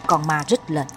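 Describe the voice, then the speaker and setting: A woman narrating a horror story in a steady, dramatic storytelling manner. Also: lowish voice, slight background noise.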